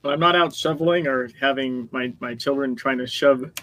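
A man's voice: medium pitch, moderate pace, pushed and bright, no echo. A middle-aged man co-hosting a casual game podcast, rambling and laughing as he talks. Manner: rambling, self-interrupting, laughs often. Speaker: podcast co-host. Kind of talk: casual chat.

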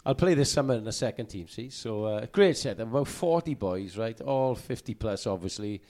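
A man's voice: lowish voice, lively intonation, normal speed, a little mellow. A man in his forties, hosting a podcast and telling stories in a jovial, chatty way. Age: 40s. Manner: jovial storyteller. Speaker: podcast host. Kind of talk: casual podcast chat.

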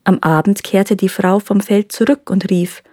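A woman storyteller reading a folk tale aloud in a calm, measured way. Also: medium pitch, no echo, studio quality.

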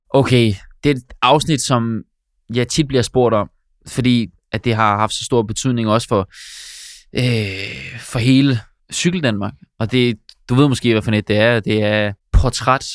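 Young man telling stories, smooth clear voice. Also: mid-range voice, steady tone, no echo, clean studio sound. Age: 20s. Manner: chatty, with many fillers and restarts. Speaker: podcaster and sports commentator. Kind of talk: relaxed interview storytelling.

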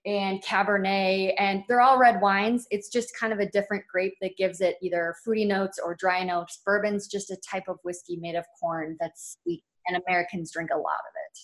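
A woman guest on an interview show, talking about her distilling work in a relaxed chat. Her voice sits at a middle pitch, and she explains things in a plain, upbeat way. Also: moderate pace, hardly any pauses.

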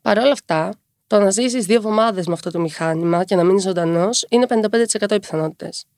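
Young woman, twenties, quick chatty talker, wry humor, dry close studio sound. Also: mid-range voice, no room sound. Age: 20s. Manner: fast-talking, lively storytelling with wry humor. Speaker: podcast guest. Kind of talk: casual conversational interview.

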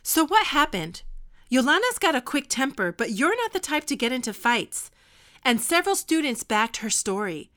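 A woman's voice: sits high, big pitch swings, moderate pace, pushed and bright, exaggerated voice. A woman acting a stern, lecturing history teacher keeping two students in detention. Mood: concerned. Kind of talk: audio drama acting.

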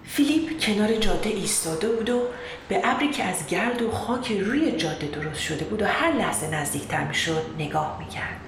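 A woman storyteller reading a children's tale in calm, measured narration. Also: mid-range voice. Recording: roomy echo with background noise.

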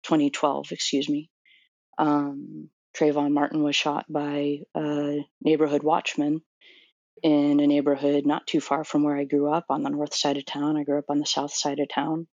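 This Floridian doctoral student in her thirties speaks in a low, monotone, slightly mellow voice at an ordinary speed. She gives considered interview answers full of fillers and false starts. The audio has no echo but is missing its highs.

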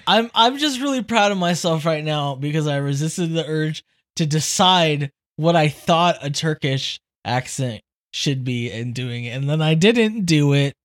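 Woman in her thirties, podcast co-host, giggly, bouncy swooping pitch. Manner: giggly, animated, quick to laugh. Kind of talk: casual podcast chat.

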